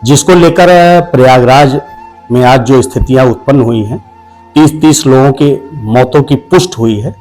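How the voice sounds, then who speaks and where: A man from India, a senior journalist, answering an interview in a measured, deliberate way. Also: medium pitch, a little mellow, soft background music, rough recording.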